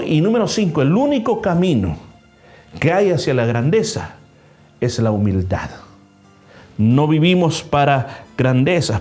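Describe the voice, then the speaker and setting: A man with a mid-range, darkish voice preaches as a pastor at a church service. He drives home numbered points with mounting emphasis and acts out a story using shifting voices.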